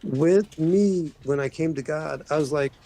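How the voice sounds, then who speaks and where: A man's voice: a little high, a little slow, vocal fry, dark tone, low-quality recording. A man hosting a casual spiritual chat, rambling with many restarts and trailing off.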